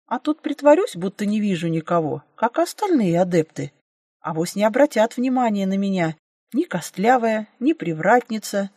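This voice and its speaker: A woman narrating a first-person fantasy audiobook in a lively, wry storytelling manner. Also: mid-range voice, moderate pace, dry recording, clean studio sound.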